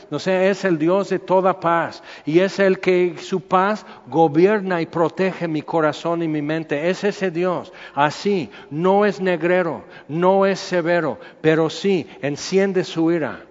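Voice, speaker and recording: A man preaches with animated energy, acting out the voices of the people he quotes. His voice sits a little high for a man. The sound is dull and muffled, with a long echo from a large hall. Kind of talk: sermon.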